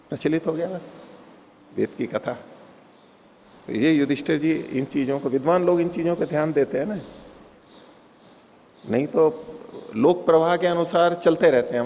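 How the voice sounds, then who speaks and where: Gravelly-voiced man teaching scripture. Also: mid-range voice, a little hiss or hum. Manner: explains with homely examples, chuckles. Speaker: teacher of Vedic philosophy. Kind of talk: Hindi lecture on scripture. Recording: dull lo-fi recording in a reverberant hall.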